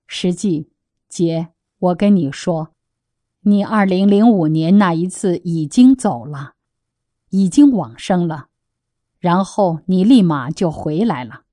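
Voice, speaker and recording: A woman reading the part of a calm Buddhist teacher who gives guidance in a gently instructive way. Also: mid-range voice, takes it slowly, no echo, clean studio sound.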